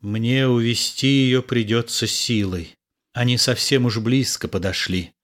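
A man's voice: unhurried, natural voice. A man playing a despairing poet-soldier. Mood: solemn. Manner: low, hushed and solemn. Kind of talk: dramatic play reading.

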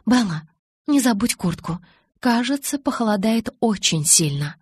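A woman voicing a bubbly, pleading young female vampire who talks in a high, emphatic, wheedling way in an audiobook. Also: sing-song, unhurried, a little mellow, husky, no echo, exaggerated voice. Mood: eager, insistent.

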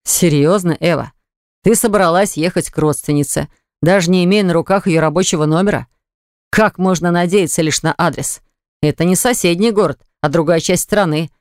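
A man reading an audiobook, voicing a stubborn young man who slowly and insistently presses his point. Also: smooth, no room sound, close to an everyday voice. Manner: low, slow, persuasive and pressing. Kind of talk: audiobook character voice. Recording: dry close studio recording.

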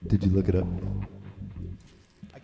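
A man's voice: low voice, completely flat delivery, creaky, warm tone, muffled recording. Man with churchlike mixer reverb. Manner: halting, self-interrupting explanations. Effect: heavy reverb echo from his mixer, like a church. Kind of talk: casual chat. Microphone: mixer-connected microphone. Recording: echoey reverb with music behind.

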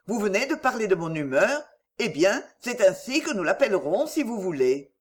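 A proud young noblewoman in an audiobook, tearful and pleading, her voice rising high and swinging widely as she begs for help. A woman reads her part in a lively, expressive voice. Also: normal speed. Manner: tearful, emotional, pleading delivery. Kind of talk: audiobook character reading.

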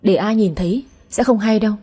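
A woman's voice: mid-range voice, brisk, mellow, lightly acted. Woman voicing cold jealous husband, curt, scolding. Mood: stern.

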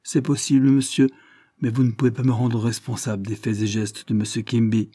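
Male reader doing a sly young farmhand, stubborn, dark and slightly raised. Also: mid-range voice, little pitch movement, brisk, breathy edge, close to an everyday voice. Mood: defiant.

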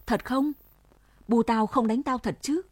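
A woman's voice: fairly high pitch, a little slow, dry recording. A woman doing a scared young village son. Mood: frightened. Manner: scared, hesitant, rough familiar speech. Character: frightened young village man, twenty, scolded son.

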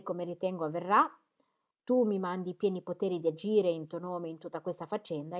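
A woman's voice: lowish voice, darkish tone, close to an everyday voice. Woman reading a formal uncle's letter. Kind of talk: letter read aloud in audiobook.

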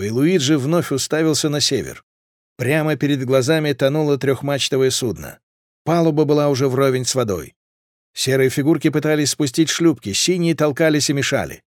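A man reading a historical fantasy audiobook with steady, lively narration. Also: mid-range voice, no room sound, studio quality.

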